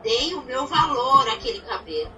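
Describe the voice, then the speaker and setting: A woman's voice: high-pitched, big pitch swings, moderate pace, bright, forceful tone, recorded from a distance, poor audio. A woman teacher from Brazil, patiently explaining grammar step by step and checking in with her students. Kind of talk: recorded grammar lesson.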